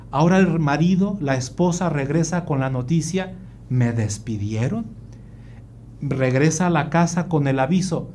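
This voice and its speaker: A man's voice: a little high, warm tone, a little hiss or hum. A middle-aged man giving a faith-based family talk, telling a personal story in an earnest way. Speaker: family workshop speaker.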